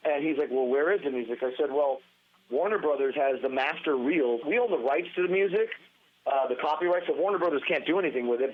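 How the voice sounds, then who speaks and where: A man in his forties or older, a podcast guest telling a long story in a lively, rambling way. His sentences often stop and restart. His voice sits a little high and comes through a thin, phone-like line. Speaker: podcast guest, former band guitarist. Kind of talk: casual storytelling interview. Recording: tinny phone-line sound.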